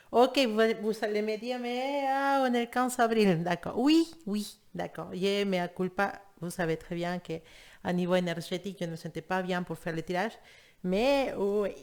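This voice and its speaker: A woman with a Spanish accent, a native Spanish speaker, giving a casual tarot reading and talking straight to her viewers. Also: on the low side. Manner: chatty, addresses viewers directly as "you". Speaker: tarot reader.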